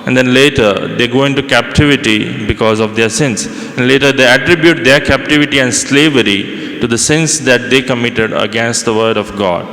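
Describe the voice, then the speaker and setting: Priest preaching with cathedral echo. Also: male voice, medium pitch, fairly even intonation, fairly bright tone. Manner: measured, with occasional restarts. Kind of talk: gospel reading and homily. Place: large church. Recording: long echoey church reverb.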